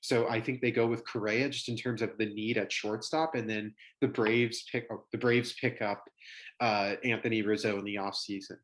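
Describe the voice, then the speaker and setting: A man's voice: fairly low pitch, fairly even intonation, moderate pace, fairly bright tone, rough recording. A man giving informal, opinionated sports takes as a podcast panelist.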